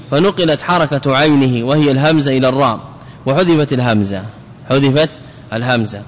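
A man's voice: mid-range voice, big-room sound. A man teaching Arabic grammar in a lecture, explaining step by step, repeating key words and putting questions to the class.

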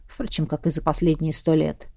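A woman's voice: sits low, little pitch movement, normal speed, creaky, mellow, no echo, clean studio sound, pitched below the performer's own voice. A woman voicing a cold, curt duke. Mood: dispassionate. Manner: dispassionate, curt. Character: cold aloof male duke, grumbling.

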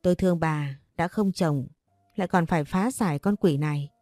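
A woman voicing a greedy, sly older male shaman who talks in a slow, knowing, wheedling way. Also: sits low, a little mellow, no echo, studio quality, soft background music, lightly acted.

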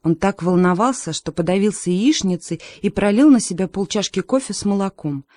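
Woman reading a storybook out loud, mellow, kinda wry, dead dry sound. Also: medium pitch, expressive, fairly quick, no echo. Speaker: narrator. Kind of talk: audiobook reading.

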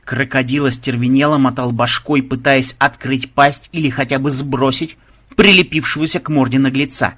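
A man reading an audiobook aloud with expressive, dramatic narration. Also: medium pitch, moderate pace.

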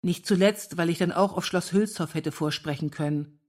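A woman's voice: fairly low pitch, normal speed, darkish tone, natural voice. A woman reading aloud, voicing a melancholy male scholar with a bitter, gloomy manner. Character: melancholy man, scholar and librarian.

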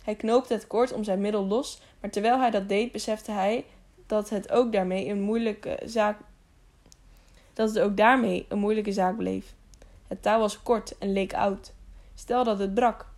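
A woman narrating an adventure audiobook in a steady storytelling voice. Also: medium pitch, measured pace. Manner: even storytelling with small slips and restarts. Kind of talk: scripted narration.

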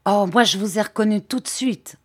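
A woman reading the lines of an eager, emotional young man in an audiobook, in an excited, gushing way. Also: mid-range voice, fairly quick, breathy edge, voice pushed up, natural voice.

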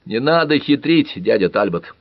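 A man's voice: mid-range voice, big pitch swings, normal speed, no echo, dull audio, pitched above the performer's own voice. A man voicing a blunt, combative young man of twenty-one, in a dry audiobook reading. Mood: defiant. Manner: blunt, defiant.

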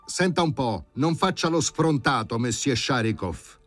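A man's voice: sits low, expressive, measured pace, warm tone, faint music behind. A man voicing a correct young doctor who admonishes in a formal manner in an audiobook reading. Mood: admonishing.

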